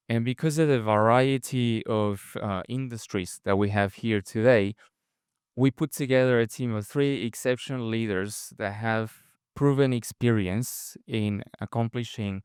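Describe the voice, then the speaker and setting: A man's voice: medium pitch, a little mellow, smooth, dry recording, studio quality. A man moderating a conference panel, introducing guests with many fillers and restarts. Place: conference stage.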